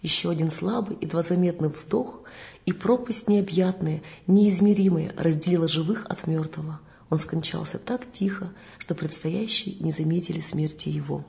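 A woman with a lowish, gravelly voice reads a memoir passage aloud. Her reading is measured and deliberate, and she gives each phrase its full weight. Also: darkish tone.

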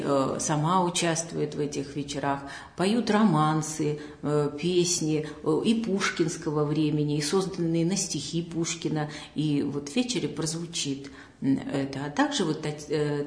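Low-voiced hesitant woman, roomy echo. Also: darkish tone. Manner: hesitant, many filler sounds. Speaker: house museum staff member. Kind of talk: interview answers. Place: small drawing room of a house museum.

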